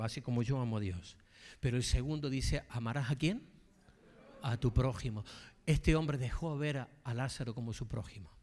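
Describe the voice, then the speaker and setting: A man's voice: medium pitch, darkish tone. A man preaching a sermon as pastor, asking the congregation questions and telling a story from his workplace. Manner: storytelling, addresses the congregation directly.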